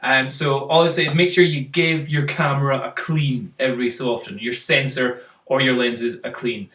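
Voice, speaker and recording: Picked up by a distant mic in a roomy space with slight hiss or hum, a man leads a relaxed photo critique. His mid-range, slightly bright voice stays steady at a moderate pace as he chats, uses fillers and tests his co-host on the pictures.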